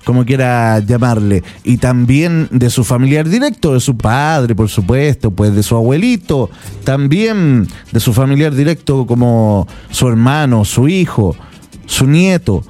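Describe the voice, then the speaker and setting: A man with a Chilean accent hosting a radio infomercial, addressing listeners as dear friends in a repetitive, persuasive sales pitch. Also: expressive, unhurried, dark tone. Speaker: radio host selling a product. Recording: music bed behind the voice.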